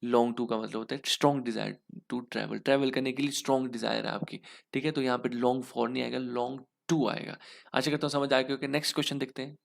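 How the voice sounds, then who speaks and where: A man's voice: mid-range voice, steady tone, brisk, gravelly. A young man with an Indian English accent, teaching an exam lesson in Hinglish and walking through each answer step by step, asking questions and answering them himself. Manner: explains step by step, asks then answers himself.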